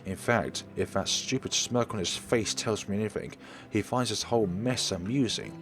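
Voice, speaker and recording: Game music runs under this man's dramatic reading of a visual novel. He's a let's player with a lowish, fairly bright voice, delivering the storytelling narration at a normal pace.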